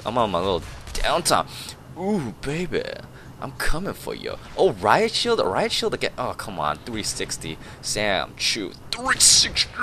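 A young man giving jokey, rambling commentary over a shooter game, breaking into excited yelps and laughter. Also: medium pitch, slight background noise. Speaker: gameplay commentator. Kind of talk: goofy live gameplay commentary.

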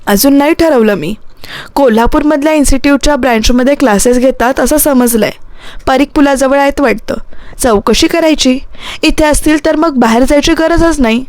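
A woman voicing a young married woman, speaking softly and earnestly. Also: sits high, normal speed, no echo, lightly acted. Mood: worried. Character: young married woman, shy and worried student.

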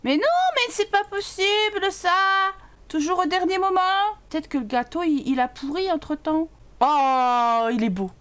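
A young woman giving casual commentary while playing a life-sim game, animated and exclaiming, swearing when things go wrong. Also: very high voice, a little slow. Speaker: gaming YouTuber. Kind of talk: casual let's-play commentary.

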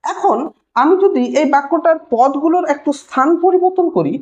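Woman tutor, high animated voice, patient step-by-step explainer, repeats key words. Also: moderate pace, dull audio. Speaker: teacher. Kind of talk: explaining a Bengali language lesson.

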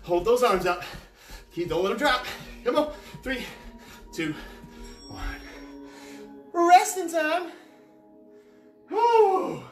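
A fitness coach leading a live workout, energetic and encouraging, counting down reps and puffing out loud breaths while exercising along. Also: mid-range voice, slow pace, long pauses. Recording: echoey room with faint music.

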